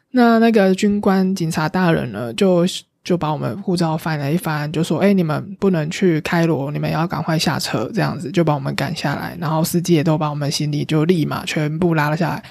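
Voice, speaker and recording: A woman's voice: low-pitched, vocal fry, darkish tone, no echo. A woman with a Taiwanese Mandarin accent telling a travel story in a casual, chatty podcast monologue, full of fillers and self-corrections.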